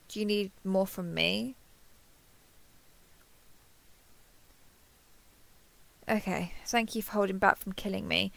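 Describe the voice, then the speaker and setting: In an intimate roleplay audio drama, a woman voices a kind, awkward young woman who flusters easily, speaking earnestly but with hesitation. Her mid-range voice is creaky, and the mood is hesitant and dry.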